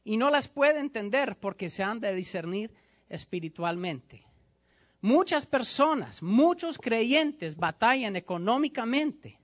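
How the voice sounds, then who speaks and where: A man's voice: high voice, fairly bright tone. Emphatic male pastor preaching. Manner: emphatic, repetitive, direct to the congregation. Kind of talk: sermon.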